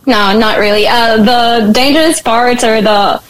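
A woman's voice: a little high, fairly even intonation, a little slow, low-quality recording. A woman in her twenties with a Filipino accent, a native Tagalog speaker, chatting bubbly and laughing often as a guest over a remote call. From Philippines. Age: 20s. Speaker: interview guest. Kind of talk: casual interview.

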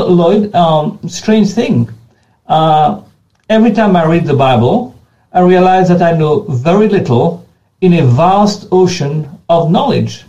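Speaking in a high, warm voice, a man answers an interviewer's questions unscripted. He's a pastor whose first language is Creole, sincere in tone, often repeating and restarting his words, and the recording has its highs cut off.

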